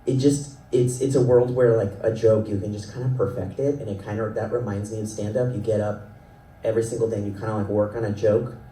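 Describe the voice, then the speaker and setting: Speaking fairly quickly in a steady, lowish, dark voice, this thirtysomething animation writer and creator sits on a festival panel. He comes from South Florida and an Ecuadorian family, and he rambles, jokes at his own expense, and laughs often. The hall recording sounds roomy from a distant mic, with a little noise.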